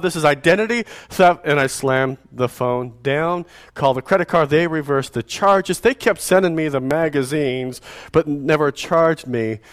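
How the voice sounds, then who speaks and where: A married man preaching a sermon, telling a personal story in an animated way, with his voice rising when indignant. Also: mid-range voice. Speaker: pastor.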